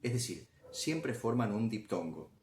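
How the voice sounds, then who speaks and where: A man's voice: lowish voice, sing-song, a little slow, darkish tone, slight background noise. A man explaining grammar as a teacher, patient and step by step, often checking in with the listener.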